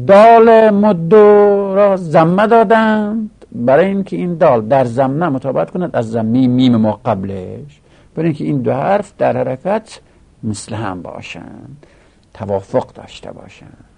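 A man's voice: mid-range voice, lively intonation, vocal fry, a little mellow, husky. A man teaching an Arabic grammar lesson, explaining step by step and repeating each rule.

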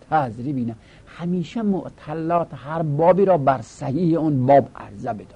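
A male teacher giving a grammar lesson, drilling word forms aloud and repeating them slowly for students. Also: medium pitch, mellow, husky.

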